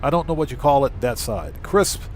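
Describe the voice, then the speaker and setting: This man has a mid-range, expressive voice at a moderate pace, with a little hiss or hum in the recording. He's a live streamer hosting his channel, chatting informally and musing aloud during a game while reading chat and on-screen text.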